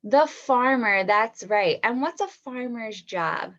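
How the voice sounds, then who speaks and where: A woman's voice: fairly high pitch, expressive, takes it slowly, fairly bright tone, dull audio. A woman teacher giving an online read-aloud lesson to young children, asking them questions and praising their answers.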